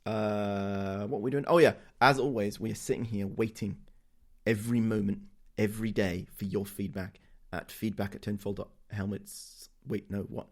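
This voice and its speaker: A man's voice: lowish voice, fairly even intonation, normal speed. A man co-hosting a podcast in casual chat, rambling, chuckling and tripping over his words. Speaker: podcast co-host.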